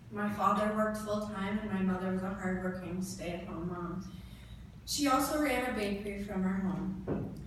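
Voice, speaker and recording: A motivational speaker in her thirties from northern Ontario, Canada, delivers a prepared speech to a live audience in an indoor event room. Her mid-range voice sounds echoey and distant from the mic, with clear background noise.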